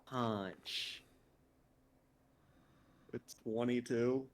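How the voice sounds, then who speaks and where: A woman's voice: very deep voice, steady tone, extremely slow. A woman playing a tabletop game, talking in a drawling, hesitant, wry way. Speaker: player. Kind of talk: casual tabletop game play.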